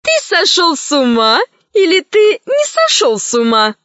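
A woman voicing a bossy, rejuvenated grandmother who scolds loudly and commands. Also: extremely high pitch, huge pitch swings, a little slow, no room sound, highs cut off, pitched above the performer's own voice, heavily acted. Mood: scolding.

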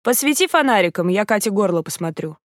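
Woman as a male doctor friend, brisk, commanding, assured; audiobook. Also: medium pitch, lively intonation, dry recording, studio quality, lightly acted.

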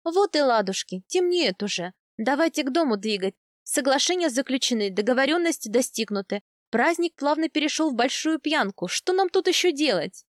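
A woman voicing a bold, brisk noblewoman in an audiobook, dismissive and quick. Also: high voice, animated, no echo, studio quality. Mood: mocking, brisk.

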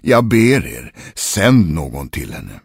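A man doing a slow, worried old gravedigger. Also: rumbling low, huge pitch swings, gravelly, breathy edge, dry recording, clean studio sound, exaggerated voice. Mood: pleading. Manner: slow, pleading.

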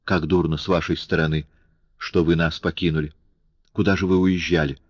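A man's voice: sits low, moderate pace, slightly rough, no room sound. A man reading an audiobook, voicing an affectionate young woman who playfully scolds. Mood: chiding. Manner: chiding, lively. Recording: dull lo-fi audiobook recording.

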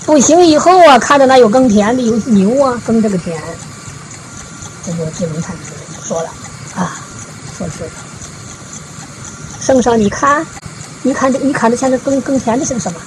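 A woman giving a Buddhist dharma talk, retelling a parable in a folksy storytelling way, with frequent drawn-out filler particles. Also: fairly high pitch, expressive, slight background noise, poor audio. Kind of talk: storytelling sermon.

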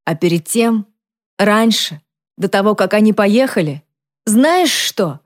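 A woman voicing a drunk, distraught mother who slurs and lurches between mumbling and shouting, in an audiobook reading. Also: mid-range voice, expressive, slow pace, voice pushed up. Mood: hysterical.

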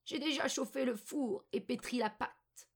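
A woman voicing a cruel, half-blind old witch who barks her orders in a shrill, impatient voice. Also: measured pace, slightly rough. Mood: menacing.

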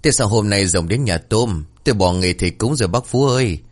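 A man voicing a gruff, short-tempered old former village shaman who scolds and curses. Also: fairly low pitch, animated, fairly quick. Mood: mocking.

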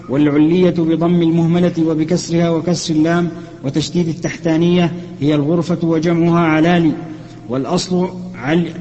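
A man reading a classical text aloud for his teacher in a lesson, steady and even, correcting himself now and then. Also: fairly high pitch, big-room sound, lo-fi sound. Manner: steady, even recitation with small self-corrections.

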